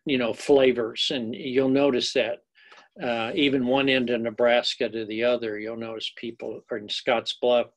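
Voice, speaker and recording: A man giving a recorded course lecture as an instructor, rambling and folksy, with many fillers and self-deprecating asides. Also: mid-range voice.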